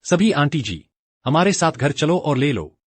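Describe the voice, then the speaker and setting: Sincere young husband, husky, lively tone. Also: male voice, a little high, unhurried, no room sound. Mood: reassuring. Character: earnest young man, loyal husband. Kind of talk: dubbed drama acting.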